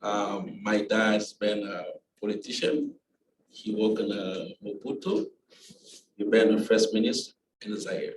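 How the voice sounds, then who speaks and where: Man telling his story. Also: on the low side. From Democratic Republic of the Congo. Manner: halting, many uh fillers, broken grammar. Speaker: panelist. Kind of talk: personal story at a panel. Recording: echoey room from far off, faint noise.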